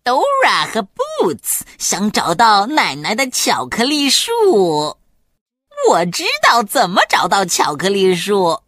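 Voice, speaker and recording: A woman's voice: mid-range voice, wildly swooping pitch, slow, a bit bright, no room sound, studio quality, exaggerated voice. A woman playing a cheerful talking map in a children's cartoon, giving step-by-step directions. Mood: cheerful, instructing. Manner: clear step-by-step instructing.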